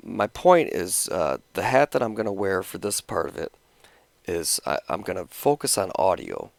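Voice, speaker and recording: Gravelly, rambling man explaining his edit. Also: deep voice, expressive, normal speed, no room sound. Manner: rambling, self-interrupting, talking around a cigarette. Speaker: video creator explaining his editing.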